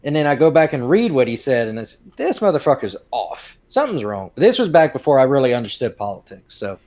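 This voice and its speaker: A man's voice: mid-range voice, animated, quick pace, a little mellow. Rambling young man telling jokes. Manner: rambling storyteller with fillers. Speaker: podcast co-host. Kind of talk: casual chat, telling jokes.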